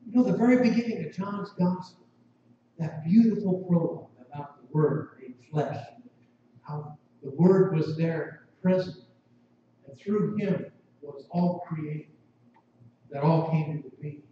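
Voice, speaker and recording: A male pastor tells a vivid sermon story, drawing listeners in with the second person. His voice sits high and mellow. He is picked up from a distance in a very echoey sanctuary, with dull sound. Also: unhurried, slight background noise. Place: church sanctuary.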